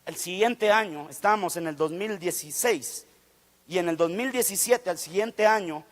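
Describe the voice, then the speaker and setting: A man's voice: high voice, moderate pace, long reverb tail. A man preaching a fervent sermon in church, acting out the voices he quotes. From Guatemala. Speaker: guest preacher. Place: church sanctuary.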